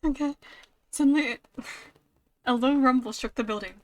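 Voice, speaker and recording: A woman's voice: sits high, normal speed, no room sound. Chatty woman narrating a game. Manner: chatty and reactive, reads narration aloud. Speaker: let's play host. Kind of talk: casual game commentary and reading aloud.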